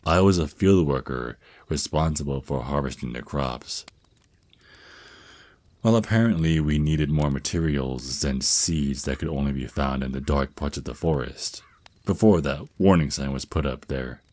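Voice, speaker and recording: A man voices a tender vampire naga mentor-boyfriend for an ASMR roleplay, his tone rumbling low and a bit dark, at a moderate pace. He is soothing, affectionate and reassuring, with a reflective mood, and the recording has no room sound.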